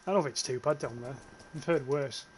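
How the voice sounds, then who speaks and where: This young adult streamer, a British man with a northern English accent, speaks at a medium pitch and a fairly quick pace. There's a little hiss or hum as he casually narrates his gameplay livestream, tossing out offhand swears and reading from chat.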